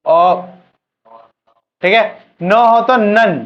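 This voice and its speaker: This muffled lo-fi classroom clip features a chemistry teacher whose voice sits high and who speaks extremely slowly. He asks his class questions, then says the answers again for the students to drill.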